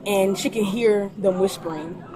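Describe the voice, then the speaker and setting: A woman's voice: medium pitch, a little slow, a crowd in the background. A young woman recounting to police what happened at home, hesitant and full of restarts. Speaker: daughter telling her account.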